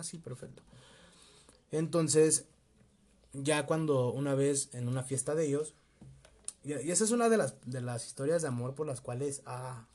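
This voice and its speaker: A young man with a Mexico City accent, telling a personal story in a casual, slangy, animated way with bits of laughter. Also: medium pitch. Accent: Mexico City Spanish. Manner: slangy, laughing, animated retelling with quoted voices. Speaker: vlogger.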